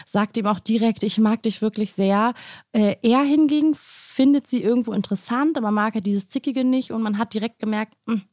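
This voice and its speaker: A woman's voice: fairly high pitch, fairly quick, hardly any pauses, darkish tone, no echo, clean studio sound. A woman hosting a casual talk show, chatting and asking long, winding questions. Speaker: host. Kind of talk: casual chat.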